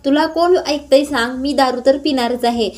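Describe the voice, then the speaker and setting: A woman voicing a mocking, drunken bully of a man with a high voice. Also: moderate pace, darkish tone, lightly acted. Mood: taunting. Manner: taunting, jeering.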